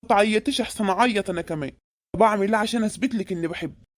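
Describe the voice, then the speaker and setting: A woman's voice: mid-range voice, racing, dry recording, clean studio sound, natural voice. A woman voicing a scheming middle-aged married man in a comic cartoon, with an Egyptian accent and a sweet-talking, evasive manner. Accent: Egyptian Arabic.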